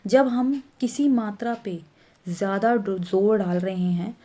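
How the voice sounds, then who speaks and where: A woman teacher with a dark, medium-pitched voice explains letters to young pupils at a measured pace during a Hindi grammar lesson. She patiently goes back over things and corrects little errors.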